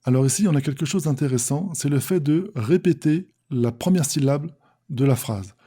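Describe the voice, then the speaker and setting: Husky and dark in tone, this teacher's voice sits fairly high and moves at a moderate pace. His lesson on manga text has him reading Japanese phrases and walking through each with patient, step-by-step explanations.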